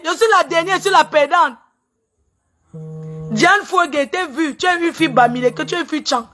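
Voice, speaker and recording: A woman speaks into her phone during a live stream, her voice sitting high and sounding bright and piercing. She is tearful and agitated, circling back over the same grievances and pressing indignant questions on the listener. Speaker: livestreamer airing a complaint. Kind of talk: emotional social media live rant.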